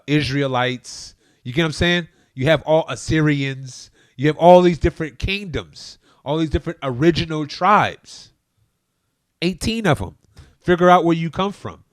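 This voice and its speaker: This podcast co-host speaks at a medium pitch in clean, studio-quality audio with no echo. During a casual chat he preaches his views emphatically and urges listeners to look things up.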